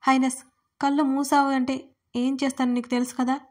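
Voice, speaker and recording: A woman's voice: high-pitched, level tone, fairly quick, natural voice. A woman voicing a protective, stern young man, read plainly in her own voice.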